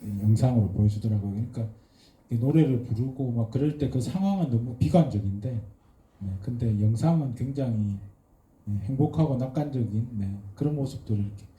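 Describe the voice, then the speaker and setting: Soft-spoken man talking in an echoey hall. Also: medium pitch. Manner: thoughtful, halting, many fillers and restarts. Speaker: guest writer. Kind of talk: post-screening talk. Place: event hall.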